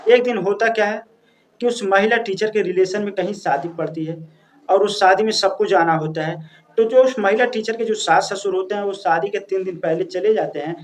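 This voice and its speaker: High-voiced male storyteller. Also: moderate pace. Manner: chatty, addresses listeners as friends, frequent restarts and fillers. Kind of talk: casual storytelling narration.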